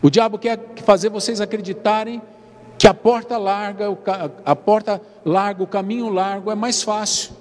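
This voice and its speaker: A man's voice: high-pitched, fairly even intonation, normal speed. A Brazilian man preaching an evening church sermon as pastor. He calls out to the congregation and urges them to answer. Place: church sanctuary. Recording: long church hall reverb, faint noise.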